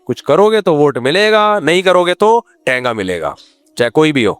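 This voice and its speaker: A man's voice: a little high, sing-song, clear, resonant tone, dry recording. A man, a religious scholar answering questions with teasing humor, acting out quoted pleas.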